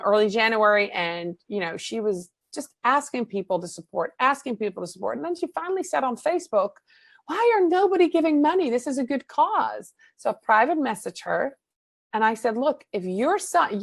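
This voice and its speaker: A woman from the Netherlands with a Dutch accent, a marketing coach chatting as a guest on a video interview, animated and full of fillers. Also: a little high, creaky, dry recording. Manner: chatty, animated, fills with "um" and "you know".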